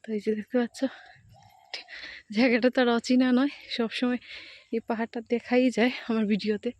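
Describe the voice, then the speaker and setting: A woman from India talks quickly into her phone camera, her voice set a little high. She is walking between village houses and fields, worn out from the walk, and speaks softly as she passes neighbours' yards. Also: little pitch movement, dry recording. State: tired and hungry from walking. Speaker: village lifestyle vlogger. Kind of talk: casual vlog narration while walking. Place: outdoors on village paths and fields, then at home. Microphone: handheld phone camera.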